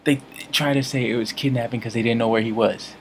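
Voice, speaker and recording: A man's voice: medium pitch, fairly even intonation, fairly quick, a little hiss or hum. A man telling a story to camera in a comic vlog, rambling, mock-serious and constantly correcting himself. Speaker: comedy vlogger.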